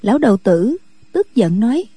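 A woman narrating a martial-arts novel as a radio story reading, in a steady, measured way with a husky voice. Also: on the high side, no echo.

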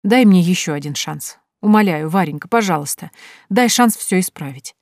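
A woman reading as a smooth-talking young womanizer. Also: on the low side, lively intonation, normal speed, dry recording, studio quality. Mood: wheedling. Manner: wheedling, then bitter and shouting. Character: smug pleading young male womanizer.

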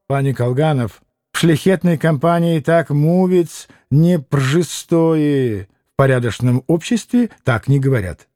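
A man's voice: on the high side, animated, measured pace, mellow, dry recording, studio quality. A man voicing a proud middle-aged Polish nobleman who speaks with a Polish accent in a haughty drawl.

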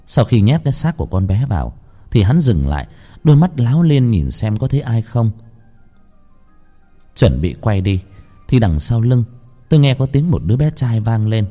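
Man, ghost story narrator, emotional, dramatic, lively pitch, faint background music. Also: moderate pace, long pauses. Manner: emotional, swinging from hushed to pleading.

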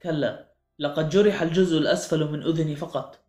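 A man puts on a stern older Englishwoman from an audiobook, giving orders with a sharp, commanding edge. The voice sits a little high. The reading carries a roomy echo over faint music. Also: steady tone, fast talker, lightly acted. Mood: calm. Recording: echoey room with faint music.

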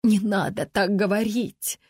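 A woman voicing a gushing, naive woman who speaks high and earnestly in an audiobook. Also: normal speed, no echo, studio quality. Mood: protesting.

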